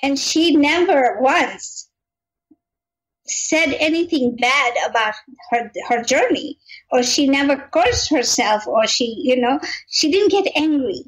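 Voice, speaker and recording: A woman in her fifties, originally from Kenya, speaks with a notably high voice. She tells her story in an earnest, reflective manner as an interview guest. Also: animated, slow, rough recording. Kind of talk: interview conversation.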